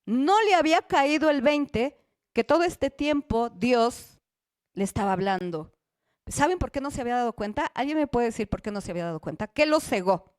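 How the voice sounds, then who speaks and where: Female preacher, fairly high voice, dry close sound, quizzes the congregation. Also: expressive, normal speed, no echo. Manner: asks the congregation questions, acts out dialogue. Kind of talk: sermon. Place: church.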